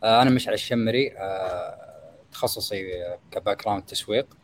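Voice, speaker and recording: A young man with a Gulf Arabic accent explaining conversationally as a guest expert, hesitant and pausing as he thinks aloud. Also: lowish voice, slight background noise. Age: young adult. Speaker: guest expert in startup marketing.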